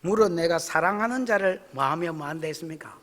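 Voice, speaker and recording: A man's voice: a little high, a little fast, a bit bright. A male pastor preaching a folksy, emphatic sermon at a church service, often asking the congregation questions. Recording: echoey church hall.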